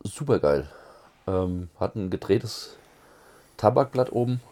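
Low-voiced man with a cold. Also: animated, slow, mellow. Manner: agreeable, short affirmations. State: has a cold. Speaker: podcast co-host. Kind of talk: casual cigar review chat.

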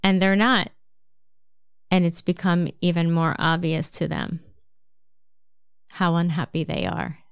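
A woman with a New Jersey accent giving a calm, measured self-help talk, explaining things step by step. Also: fairly low pitch, vocal fry, clear, resonant tone, dry recording.

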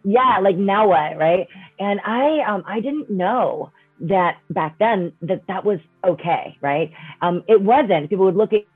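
A woman's voice: mid-range voice, expressive, a little slow, faint music behind. A woman in her fifties, a coach and speaker, talking as an interview guest in a chatty, upbeat way, often tagging her sentences with "right?" and "you know". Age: 50s. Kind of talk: casual interview talk. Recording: dry, tinny phone-like line.

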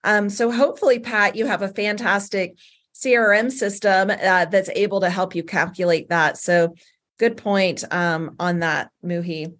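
A woman's voice: mid-range voice, steady tone, measured pace, a bit bright. A woman with a Southern US accent cohosting a nonprofit talk show, chatting casually and leaning on "you know" fillers. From American South. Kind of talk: casual advice chat.

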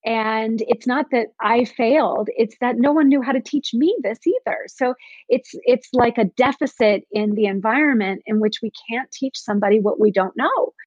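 A woman's voice: on the high side, moderate pace, darkish tone, husky, no echo, highs cut off. A woman coach talking conversationally as a podcast guest from her home office. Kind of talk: conversational interview.

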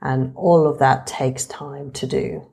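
Female surgeon vlogger, low voice, measured and orderly explanatory narration, fairly formal. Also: steady tone, creaky, warm tone, husky.

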